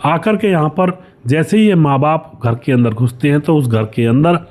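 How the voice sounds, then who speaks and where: Mellow-voiced man telling a story. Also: fairly high pitch, normal speed. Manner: chatty, addresses listeners as friends. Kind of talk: casual spoken storytelling.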